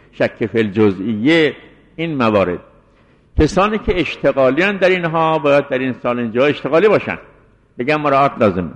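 A man teaching a seminary class in a measured, explanatory way, circling back to restate each point. His voice sits at an ordinary middle pitch. It comes through a dull, lo-fi recording with a long hall reverb trailing each phrase. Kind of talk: scholarly jurisprudence lecture.

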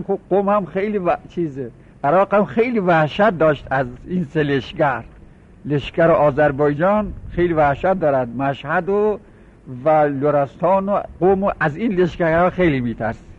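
A middle-aged Iranian man teaching a class, explaining step by step, repeating key words and slowing down to recite examples. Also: fairly high pitch, muffled recording. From Iran. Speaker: seminary teacher. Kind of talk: classroom lecture on Arabic grammar.

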